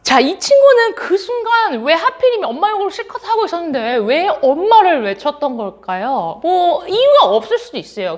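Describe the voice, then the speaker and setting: A young woman giving a children's sermon in an animated storytelling way, acting out what people said and laughing as she tells it. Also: sits high. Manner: animated, acts out quotes, laughs while telling. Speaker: children's ministry preacher.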